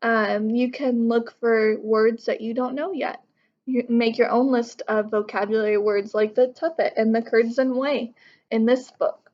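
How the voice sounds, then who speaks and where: With a voice on the high side and a steady tone, a woman in her thirties reads a picture book at a measured pace to young pupils, explaining it as their teacher. She's on the living room couch at home. The recording is muffled.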